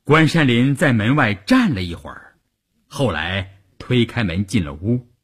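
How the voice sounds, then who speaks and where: A man narrates a novel for a radio storytelling program. His voice is husky and rough, his pitch swinging widely from line to line, and he takes his time over every phrase. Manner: slow, expressive narration.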